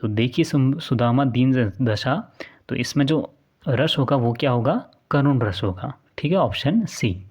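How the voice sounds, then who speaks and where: A man's voice: mid-range voice, expressive, a little slow, a little mellow, husky. Man teaching Hindi grammar questions. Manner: repeats key answers as questions; explains step by step in Hindi. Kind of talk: exam-prep lesson.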